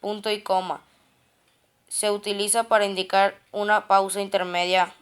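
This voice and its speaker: A woman's voice: mid-range voice, little pitch movement, moderate pace, smooth. A woman reading grammar study notes aloud, stepping through terms and definitions and often restarting words.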